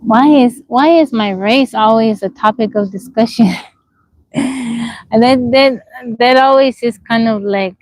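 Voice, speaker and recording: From a wooded outdoor setting, a woman in her forties hosts a casual livestream, reading viewers' comments and replying candidly, with questions and frequent repetition. Her voice is a little high and her pace a little slow. It's a dry recording with poor audio.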